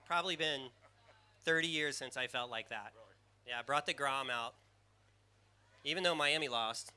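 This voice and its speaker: A man calling a live surf contest, excitable and rambling, with a squeaky surfer voice, naming riders by jersey color. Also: moderate pace, clear, resonant tone.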